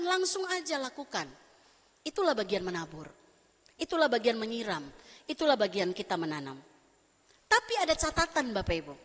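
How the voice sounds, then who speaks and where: A woman pastor preaching a lively, fast-talking sermon and acting out bits of everyday conversation with her congregation. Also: high voice. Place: church sanctuary. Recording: long church hall reverb.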